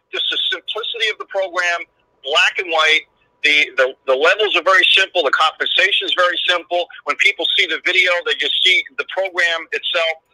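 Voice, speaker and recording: A man's voice: high-pitched, bright, forceful tone. A middle-aged man, a business owner, talking in an upbeat, loose way with many fillers and restarts, his voice coming from a phone held up to a microphone. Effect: voice from a phone held up to the mic. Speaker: business owner guest on a webinar. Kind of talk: casual pitch-style webinar talk. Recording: tinny phone speaker re-recorded, distant.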